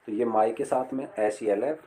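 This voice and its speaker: A middle-aged male teacher explaining an English lesson slowly and patiently, repeating words and reading phrases aloud. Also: mid-range voice, mellow.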